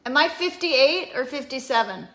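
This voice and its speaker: A woman in her fifties hosting a casual beauty product demonstration, chatty and often pausing on "um". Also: sits high, expressive, pushed and bright. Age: 50s. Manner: chatty, with frequent ums. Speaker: beauty show host.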